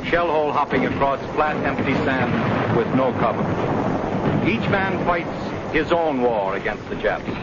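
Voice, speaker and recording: A man's voice: mid-range voice, animated, unhurried, heavy background noise. A man with an American accent narrating a scripted 1940s wartime newsreel in a dramatic, declarative way. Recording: dull 1940s newsreel, loud music behind.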